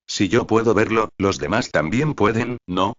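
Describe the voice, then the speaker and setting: A cool, calculating young wizard, as a man reads him speaks in a calm, measured and insistent manner. The voice sits very low. The audio sounds dull and lo-fi. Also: lightly acted.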